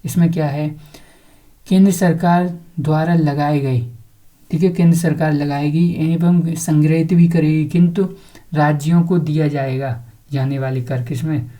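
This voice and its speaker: Low-voiced woman drilling exam facts. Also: fairly even intonation, unhurried, warm tone. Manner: drills with repeated questions and answers. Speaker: teacher. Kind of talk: exam-prep lecture.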